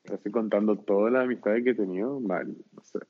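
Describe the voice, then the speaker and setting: A man's voice: on the low side, fast talker, breathy edge. A young man with a Chilean accent, chatting casually and telling stories in slangy, talkative speech. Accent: Chilean Spanish. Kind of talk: casual chat. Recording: tinny phone-like line.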